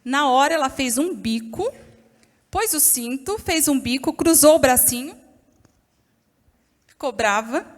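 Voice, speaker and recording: A Brazilian woman speaking at a church women's event, telling stories lively and expressively and talking straight to the audience. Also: sits high, a little slow, pauses often. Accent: Brazilian Portuguese. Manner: lively, expressive storytelling, addresses the audience directly. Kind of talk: storytelling church talk. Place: church hall. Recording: long reverb of a church hall.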